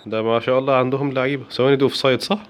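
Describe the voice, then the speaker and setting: Fast-talking Egyptian man commentating gameplay. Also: medium pitch, smooth. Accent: Egyptian Arabic. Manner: excited, playful, exclaiming. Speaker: gaming YouTuber.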